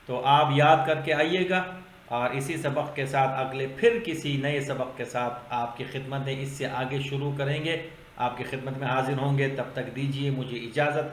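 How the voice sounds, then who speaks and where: A male Quran teacher spelling out Arabic letters and vowels for learners, repeating syllables slowly and loudly. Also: fairly even intonation, roomy sound, a little hiss or hum. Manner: slow drawn-out repetition of syllables, loud and high when drilling.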